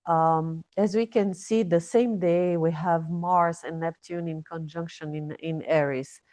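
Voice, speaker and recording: A woman's voice: on the low side, steady tone, unhurried, darkish tone, dry recording. A woman giving a weekly astrology forecast, talking unscripted, often repeating and restarting words, a little breathless. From based in Dubai. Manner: hesitant, repeats words and restarts, fillers like "you know" and "yeah?". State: a bit breathless. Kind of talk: unscripted explanatory talk.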